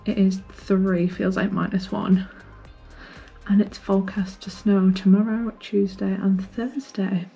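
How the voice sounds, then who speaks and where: A woman's voice: medium pitch, level tone, a little slow, creaky, dark tone, lo-fi sound. A woman chatting casually as she gets ready, in a running vlog. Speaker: running vlogger. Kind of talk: casual get-ready-with-me chat. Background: music.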